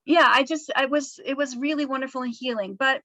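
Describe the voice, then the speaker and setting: A woman author telling a family story in a casual interview, soft-spoken and halting, with frequent fillers. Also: high voice, steady tone, dry recording. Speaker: author discussing her book.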